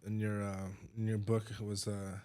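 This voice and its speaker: Man, interviewer, fairly low pitch, mellow dark tone, informal, agreeable, conversational. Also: monotone, moderate pace, clear, resonant tone. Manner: informal, agreeable, frequent "like" and "you know". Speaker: interviewer, host.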